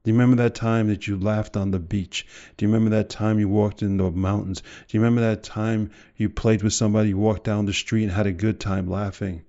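A man's voice: lowish voice, level tone, a little fast, few pauses, dark tone, lo-fi sound. A man delivering a motivational speech in an emphatic, direct way, full of rhetorical questions and repetition. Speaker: motivational speaker.

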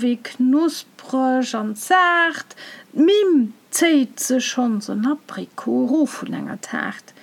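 A woman reciting a rhyming dialect tale in a measured, rhythmic way. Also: high-pitched. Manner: measured, rhythmic verse delivery. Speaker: storyteller.

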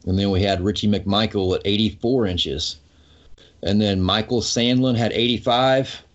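Easygoing low-voiced male co-host, casual chat, muffled recording. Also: steady tone, normal speed. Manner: easygoing, enthusiastic, says "you know" often. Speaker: co-host of fishing show. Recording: muffled lo-fi audio.

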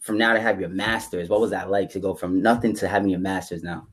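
Fast-talking young man co-hosting a podcast. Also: low-pitched, fairly even intonation, fairly bright tone, slightly rough. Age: 20s. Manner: emphatic, repeats himself for stress. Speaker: podcast co-host. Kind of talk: casual chat.

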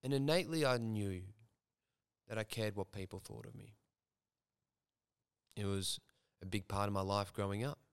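A man's voice: on the low side, normal speed, pauses often, clean tone, no room sound. A young man, hosting a podcast and telling a personal story frankly, swearing freely. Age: young adult. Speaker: podcast host.

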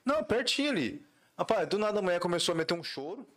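Guy from do sul, driver, talks fast n slangy, bit high voice. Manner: animated storyteller, slangy. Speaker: ride-hailing driver. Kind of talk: casual chat.

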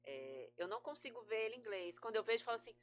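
A woman chatting casually on a podcast, telling things in an animated way and quoting her own reactions. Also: fairly high pitch, rapid-fire. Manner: animated, quotes herself.

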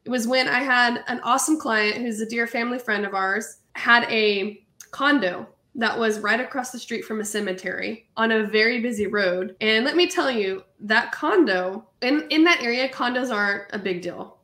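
A woman in her thirties from California tells her story as a podcast guest, lively and chatty. Her voice sits a little high, and the recording has a noticeable echo from the room. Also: moderate pace, few pauses. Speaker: guest entrepreneur. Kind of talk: casual interview storytelling.

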